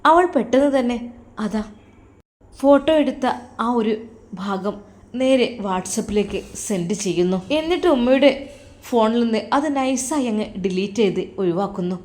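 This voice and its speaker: A woman's voice: fairly high pitch, lively intonation, a little slow, darkish tone. A woman storyteller narrating a dramatic story in an emphatic way.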